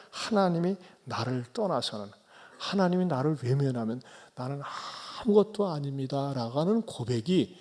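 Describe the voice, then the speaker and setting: A man's voice: sits high, a little mellow. A male pastor preaching a sermon, putting rhetorical questions to his congregation.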